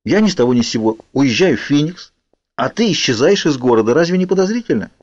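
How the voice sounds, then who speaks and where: A man voicing a stubborn, quick-witted teenage girl in a persuasive, pleading manner, on a dull lo-fi audiobook recording. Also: fairly high pitch, animated, darkish tone, no echo, voice pushed up. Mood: indignant.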